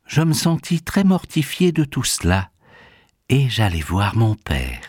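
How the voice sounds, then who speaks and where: Theatrical male narrator, slow, swooping pitch, dry close sound; brings pomp to a radio play. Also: wildly swooping pitch, a little mellow, husky, dry recording. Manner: theatrical, pompous, playing several voices. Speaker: narrator and lead actor.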